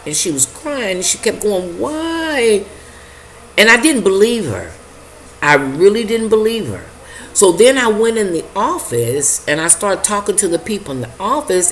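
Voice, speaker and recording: An older woman telling an emotional personal story, halting and repeating herself as she acts out her own reactions. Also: lowish voice, slight background noise, poor audio. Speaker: vlogger sharing a personal testimony.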